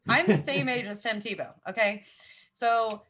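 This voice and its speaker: A woman in her thirties with a Southern American accent guests on a podcast, chatting casually. Her voice is a little high and her pace normal as she gives animated, opinionated takes packed with asides and repeated emphasis.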